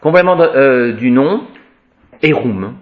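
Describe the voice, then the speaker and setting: Slowly and with animation, a man delivers a Latin grammar lesson, sing-songing the word endings over and over and explaining each form. His pitch is medium, and the audio sounds like it came through a phone.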